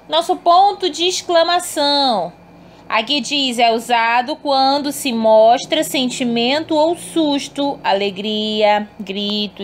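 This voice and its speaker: A woman teaching an online class, explaining patiently and checking in with her students as she goes. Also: a little high. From Brazil. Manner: patient, explanatory, uses tag questions and affectionate asides.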